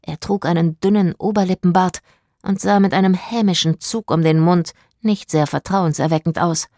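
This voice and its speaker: A woman narrating a children's audio mystery with expressive storytelling. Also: fairly low pitch, normal speed, no room sound, clean studio sound.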